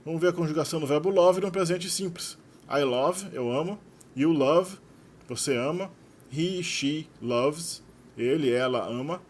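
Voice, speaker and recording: A man's voice: fairly high pitch, normal speed, a little mellow, slight background noise. A Brazilian man whose first language is Portuguese, patiently explaining English verb forms in a lesson. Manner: patient, explanatory, reading out example verbs. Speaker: English teacher.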